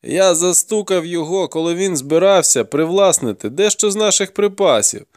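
A man voicing a hardened, grim male warrior who questions a captive in a gruff, mocking way. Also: high voice, normal speed, a little mellow, no echo, studio quality, voice pushed up, natural voice.

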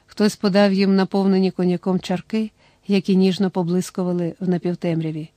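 A woman narrating a novel as an audiobook in a steady storytelling manner. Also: lowish voice, fairly quick, dry recording.

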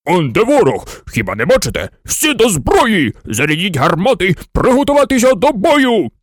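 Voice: medium pitch, very animated, normal speed, a bit bright, no room sound, studio quality. A narrator voicing a hot-tempered male army general who barks orders in a storybook reading. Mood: alarmed. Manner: blustering, barking commands. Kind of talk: audiobook character voice.

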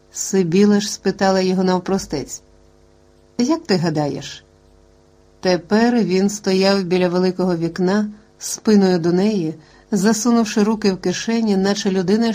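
Woman calmly reading a novel aloud. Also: medium pitch. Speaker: audiobook narrator. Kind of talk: scripted narration of a novel.

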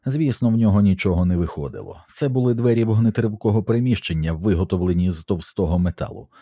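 A man reading a first-person action story aloud in steady, tense scripted narration. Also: sits low, husky, no echo, studio quality. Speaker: audiobook narrator.

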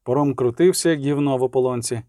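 A man reading a novel aloud in steady scripted narration, with a wry touch. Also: mid-range voice, fast, no echo, clean studio sound. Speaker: audiobook narrator.

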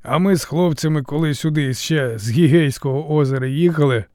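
A man's voice: on the high side, a little fast, warm tone, dry recording, studio quality, lightly acted. A man voicing a boisterous, jovial, mighty Thracian warrior in an audiobook, brash and good-natured. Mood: hearty.

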